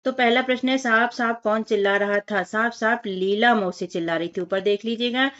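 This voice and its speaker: A woman teacher working through a children's workbook, reading words slowly one by one and speaking directly to the children. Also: on the high side, fairly bright tone, highs cut off.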